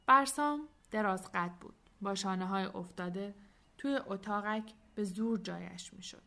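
A woman narrating a storybook, soft and at times nearly whispering. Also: mid-range voice, gravelly. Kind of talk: storybook reading.

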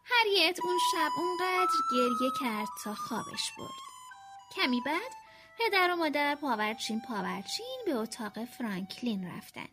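A woman reading a children's storybook aloud in an expressive way, slowing down for emphasis. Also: high voice, over music.

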